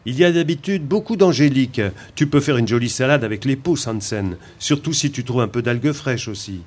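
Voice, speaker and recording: A man's voice: mid-range voice, a little fast, a little mellow, natural voice. A man voicing a coarse, slangy Arctic trapper who drawls out his words, in an audiobook reading. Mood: scheming. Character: gruff coarse-talking Arctic trapper man, crafty and easygoing.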